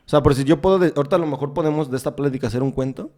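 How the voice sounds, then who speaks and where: Un hombre con acento mexicano que conduce un pódcast y conversa de forma casual, contando escenas con muchas muletillas. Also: male voice, on the high side, very fast, dark tone. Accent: Mexican Spanish. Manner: chatty, retells scenes at length with filler words. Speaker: podcast host interviewing a guest.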